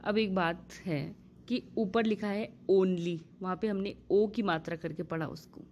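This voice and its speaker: A woman teaching English vowel sounds in a patient lesson, spelling out example words slowly. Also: medium pitch, fairly even intonation, a little mellow, slight background noise. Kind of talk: Hindi-language pronunciation lesson.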